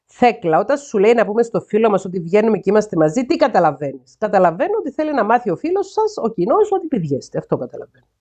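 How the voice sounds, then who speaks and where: Lively woman podcast host. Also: medium pitch, slightly rough. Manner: sarcastic asides between read passages. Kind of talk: reading a listener's letter aloud with commentary.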